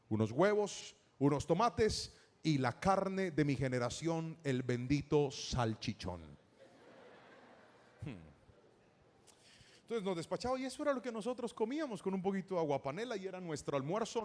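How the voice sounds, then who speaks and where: A pastor preaching to his congregation, his voice pitched high. He tells his stories with emphasis and calls on the listeners to answer him back. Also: big pitch swings, normal speed, darkish tone. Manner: storytelling preacher, emphatic with call-and-response. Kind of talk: sermon.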